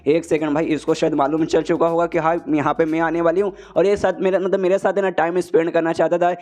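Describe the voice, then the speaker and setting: A man's voice: on the high side, darkish tone. A man narrating a comic recap casually, slangy and chatty, peppered with filler words. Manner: slangy, keeps saying "bhai" and "na".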